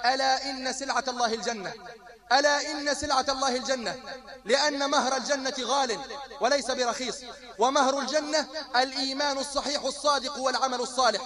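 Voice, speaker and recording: A male preacher giving an impassioned sermon, driving his points home with repeated rhetorical lines. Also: extremely high pitch.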